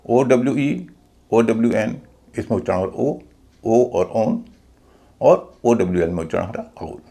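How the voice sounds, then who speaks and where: In a video lesson on English pronunciation, a man with an Indian accent slowly spells out the letters of each word before saying it. His voice is lowish and warm, with lively intonation.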